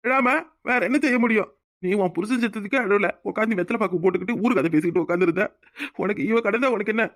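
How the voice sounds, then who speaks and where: A woman's voice: mid-range voice, dry recording, studio quality, natural voice. [name], a woman voicing a tearful village husband. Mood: indignant. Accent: Tirunelveli Tamil. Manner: tearful, pleading, quick to flare up. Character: young village man, devoted emotional husband. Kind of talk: cartoon voice acting.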